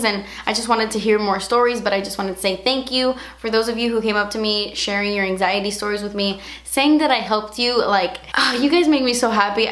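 A woman's voice: mid-range voice, a bit bright. A young woman vlogging in casual, emotional chat, saying "like" a lot. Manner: chatty and emotional, heavy use of "like". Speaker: beauty vlogger. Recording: roomy echo.

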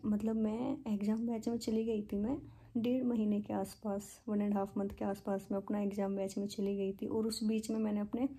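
Chatty young woman vlogging, flat and husky. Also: medium pitch. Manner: chatty, many fillers, mixes in English words. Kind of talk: casual storytelling vlog.

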